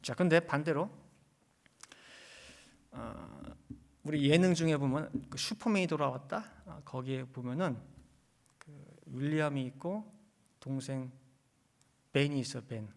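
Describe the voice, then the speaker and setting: Animated Korean-speaking pastor preaching. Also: male voice, on the high side, measured pace, creaky, pauses often. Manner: animated, asks the congregation questions, shifts from quiet asides to loud emphasis. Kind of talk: sermon. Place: church sanctuary.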